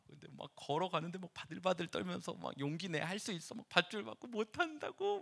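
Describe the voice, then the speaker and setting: High, animated Korean man preaching. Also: breathy edge. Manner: animated, acts out dialogue, laughs with the congregation. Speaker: pastor. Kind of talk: lively sermon with acted-out quotes. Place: church sanctuary.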